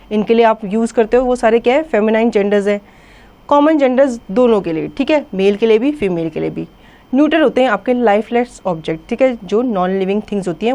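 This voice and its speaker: A woman's voice: on the high side, darkish tone. A woman teacher with an Indian accent giving a grammar lesson to school children, reading word lists aloud and explaining in Hindi mixed with English.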